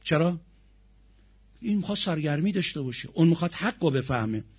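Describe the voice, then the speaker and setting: A man preaching a sermon, posing rhetorical questions and swinging between soft and emphatic delivery. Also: fairly high pitch, expressive, slightly rough.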